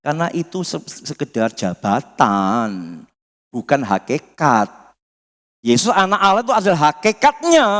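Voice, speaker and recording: A man preaching a teaching sermon, firing rhetorical questions and dropping from loud to almost muttered. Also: fairly high pitch. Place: church hall. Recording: long hall reverb.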